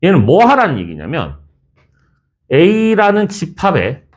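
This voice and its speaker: Lively, chatty male math teacher. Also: a little high, takes it slowly. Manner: chatty, teasing, switches between formal and casual speech. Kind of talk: classroom lecture. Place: classroom.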